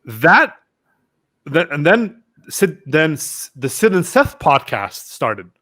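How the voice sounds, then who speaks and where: A man's voice: a little high, slow pace. A young man, a podcast guest, telling casual stories and acting out what his friends said. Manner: animated, acts out quoted friends. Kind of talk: casual storytelling interview.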